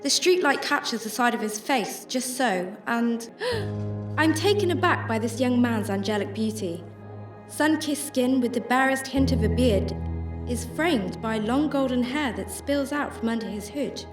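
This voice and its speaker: Unhurried and expressive, a woman with a fairly high voice performs first-person narration and dialogue for a radio drama, playing a compassionate homeless shelter volunteer who is troubled, reflective and concerned. She's picked up by a distant mic in a roomy recording with music underneath.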